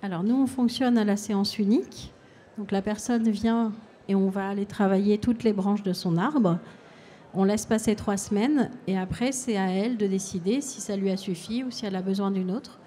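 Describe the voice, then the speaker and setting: A woman hypnotherapist giving a calm, explanatory public talk and answering audience questions at a fair. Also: medium pitch, normal speed.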